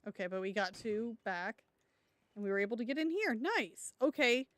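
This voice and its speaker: An expressive woman with a fairly high pitch and a fairly bright tone comments on a live game at a moderate pace. This let's play streamer thinks aloud about what she chooses, keeping things chatty and wry.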